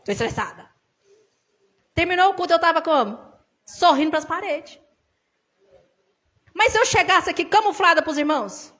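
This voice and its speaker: This woman preaches casually to her church in a very high, slightly bright voice at a normal speed, leaving long pauses. She speaks with a Brazilian accent, chats with the congregation as brothers, and weaves in stories from her own life.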